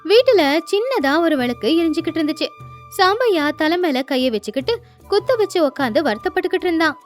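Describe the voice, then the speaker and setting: A woman narrating a moral storybook tale in a gently emphatic storytelling manner, with faint music underneath. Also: extremely high pitch, big pitch swings, fast.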